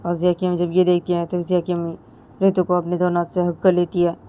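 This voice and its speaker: A woman's voice: fairly low pitch, completely flat delivery, fast, mellow, a little hiss or hum. A woman narrating a romance story in a plain, repetitive storytelling way.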